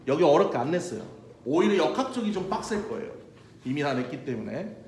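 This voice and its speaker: Loud, joking male teacher in an echoey room. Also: fairly high pitch, quick pace, a little hiss or hum. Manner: loud, joking, slangy, animated storytelling. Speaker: physics teacher. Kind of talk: lecture. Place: classroom. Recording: very echoey room, mic far off.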